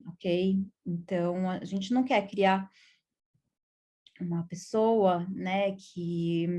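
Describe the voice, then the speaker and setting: A woman with a Brazilian Portuguese accent, a child psychologist in her thirties, explaining calmly in an educational video lesson and often adding little tag questions. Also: fairly low pitch.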